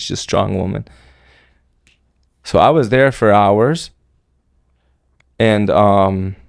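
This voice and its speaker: A man with a low voice tells a story as a podcast guest, rambling and loose with slang. His voice is gravelly and heavy with fry. The sound is close and dry, with no room echo. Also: darkish tone. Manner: slangy, rambling, full of "like" and "bro". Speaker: podcast guest recounting military service. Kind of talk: casual storytelling.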